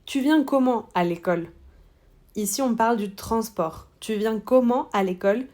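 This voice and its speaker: A woman teaching a French exam-prep lesson, speaking slowly and deliberately and repeating model answers for students. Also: a little high, darkish tone.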